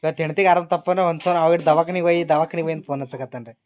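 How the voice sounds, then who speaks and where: A woman's voice: sits low, rapid-fire, a little mellow. A woman with a North Karnataka Kannada accent chatting to viewers in a casual home vlog, repeating her phrases. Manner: chatty, repeats phrases, ends sentences with a polite address word. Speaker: family vlogger.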